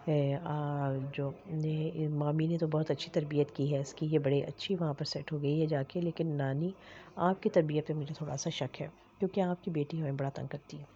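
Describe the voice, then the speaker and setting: A woman recapping a TV drama episode at an unhurried pace, with frequent hesitations. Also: sits low, fairly even intonation, warm tone, a little hiss or hum. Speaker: drama reviewer. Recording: dull lo-fi recording.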